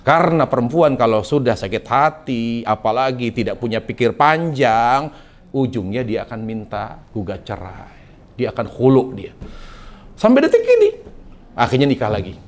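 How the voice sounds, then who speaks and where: A man preaching a sermon, telling a story in a colloquial, animated way and acting out the people in it. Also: mid-range voice. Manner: animated, colloquial, acts out quotes.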